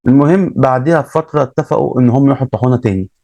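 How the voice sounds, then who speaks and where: Egyptian male storyteller, quick and casual, repeats himself, dry close mic. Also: mid-range voice, mellow, dry recording. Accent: Egyptian Arabic. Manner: retells events with many repeats and restarts.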